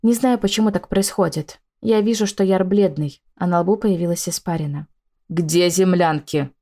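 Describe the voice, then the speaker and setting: A woman reading a novel aloud in first person, steady and earnest. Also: mid-range voice, a little fast. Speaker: audiobook narrator. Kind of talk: first-person scripted narration.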